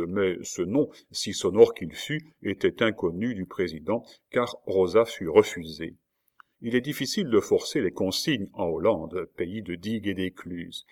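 Brief: male audiobook narrator, low, measured literary reading.

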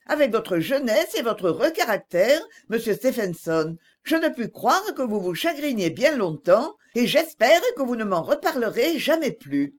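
A woman reading an audiobook voices a young woman who is gentle but firm and pleads earnestly. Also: a little high, very animated, moderate pace, hardly any pauses. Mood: earnest pleading.

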